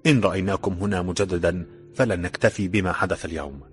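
A man's voice: deep voice, quick pace, faint music behind, lightly acted. A man voicing a young worker who is blunt and joking with his friend. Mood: bantering. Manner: gruff, joking.

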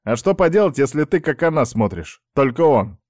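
A man's voice: medium pitch, big pitch swings, a little fast, a little mellow, no echo, studio quality, voice pushed up, lightly acted. A man voicing a cheeky, defiant teenage schoolboy who mocks his father. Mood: sarcastic. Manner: mocking, defiant.

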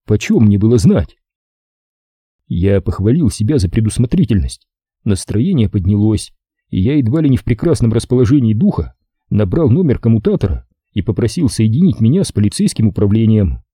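A man narrating a first-person audiobook in a wry, measured storytelling manner on a close studio mic. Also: lowish voice, very animated, warm tone, husky, no room sound.

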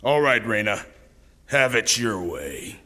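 An actor playing a stern, paternal, hard-bitten police lieutenant who interrogates persuasively. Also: male voice, fairly low pitch, sing-song, slow, pushed and bright, heavily acted. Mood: pressing. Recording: reverberant hall.

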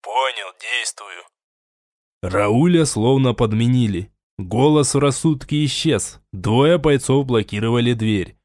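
A man narrates an audiobook with measured, dramatic pacing. His voice sits mid-range and unremarkable in pitch. The recording is dry and close, with no room sound. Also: a little mellow, no room sound. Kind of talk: scripted narration.

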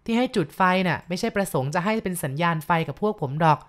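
A woman reading a first-person ghost story aloud, steady and unhurried. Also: lowish voice.

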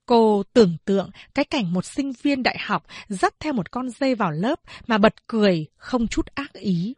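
A woman narrating a novel as an audiobook in a lively, expressive reading style, close to the mic. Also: on the high side, moderate pace, husky, no room sound. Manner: lively, acts out scenes as she reads.

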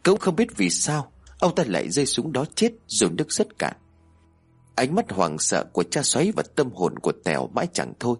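A man narrating a horror story in an expressive, dramatic storytelling manner. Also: mid-range voice, a little fast, slightly rough, faint music behind.

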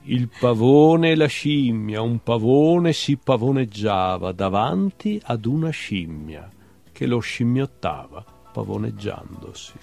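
A man's voice: mid-range voice, animated, slow, gravelly, a little mellow, faint music behind. A man reading a playful little bestiary of short love fables aloud, with a wry, humorous recital in a TV studio talk show. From Veneto, Italy. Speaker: guest poet. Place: television studio.

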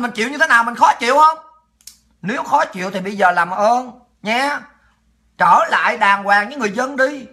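A woman's voice: fairly high pitch, pushed and bright. A woman hosting a political livestream, ranting angrily and taunting her critics with profanity. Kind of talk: angry ranting monologue.

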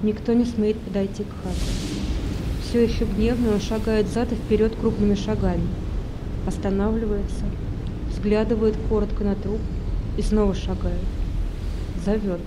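A woman narrating the stage directions of an audio play in a measured way. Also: mid-range voice. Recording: steady background hiss.

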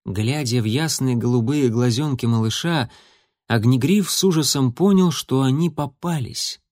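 Man, storybook narrator, steady expressive reading, middle pitch, dry close mic. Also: moderate pace, no room sound. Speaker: audiobook narrator.

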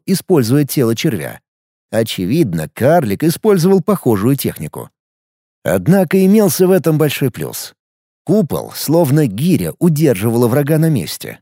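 A man giving expressive scripted narration of a fantasy audiobook. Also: a little high, no echo, clean studio sound.

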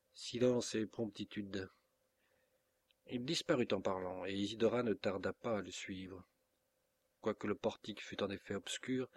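A man with a French accent reading a classic novel aloud as an audiobook narrator, steady and measured. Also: lowish voice.

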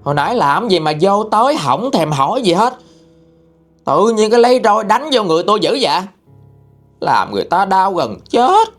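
A man voicing a petulant female ghost speaking through a possessed young man, in a shrill, womanish voice with a Southern Vietnamese accent and a whiny, sassy manner. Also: big pitch swings, moderate pace, faint music behind.

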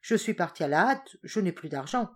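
A woman's voice: on the low side, sing-song, a little fast. A woman voicing an anxious, desperate noble father in a storybook reading, speaking with urgent, fervent pleading.

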